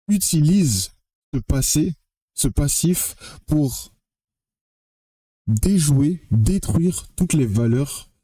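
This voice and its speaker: A young vlogger from French Guiana delivers a blunt, heated monologue straight to camera, repeating phrases for emphasis and cursing along the way. His ordinary-pitched voice is dark and mellow, recorded close and dry with no room sound.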